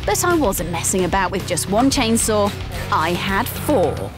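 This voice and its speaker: A young woman co-presenting a TV gadget show and narrating it in a bubbly, excited way. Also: medium pitch, measured pace. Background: backing music.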